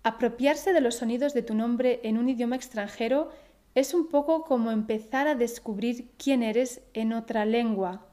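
A woman teaching Spanish pronunciation in a podcast lesson, speaking slowly with careful, clear pronunciation. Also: a little high, dark tone.

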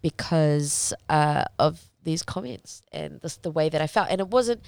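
A young woman talks through a candid interview in a fairly low voice with noticeable vocal fry. She speaks haltingly, reflecting as she goes and often pausing to find the right words. The sound is close and dry. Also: expressive, a little mellow, no echo. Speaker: interview guest, fighter.

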